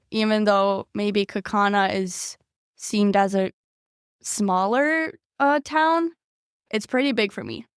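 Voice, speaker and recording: A teenage exchange student from Norway, chatting in an easygoing way in a casual podcast interview. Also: female voice, on the high side, clean tone, no echo, clean studio sound. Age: teens.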